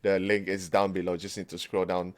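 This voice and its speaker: Low-voiced man, casual colloquial co-host. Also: little pitch movement, a little fast. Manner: colloquial, drops "lah" into sentences, laughs at his own jokes. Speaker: podcast co-host. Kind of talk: casual ghost-story podcast chat.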